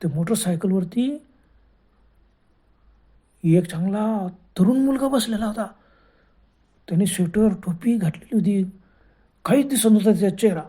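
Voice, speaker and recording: A woman narrating a first-person ghost story in a colloquial, unhurried way, often stopping to restart a phrase. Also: mid-range voice, dark tone, slightly rough. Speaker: horror storyteller.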